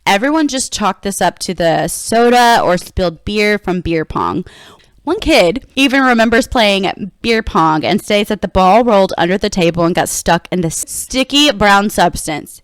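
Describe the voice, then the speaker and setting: A woman's voice: medium pitch, lively intonation, moderate pace, no echo. A woman co-hosting a true crime podcast, telling the case in a chatty way with dry asides. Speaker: podcast co-host. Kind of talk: casual true crime storytelling.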